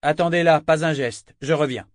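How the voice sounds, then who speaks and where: A man reading an audiobook, voicing a steady captain who speaks earnestly and insists on being heard. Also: a little high, normal speed, no echo, clean studio sound, pitched above the performer's own voice, natural voice. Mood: insistent. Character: steady male captain, calm but insistent. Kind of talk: audiobook character voice.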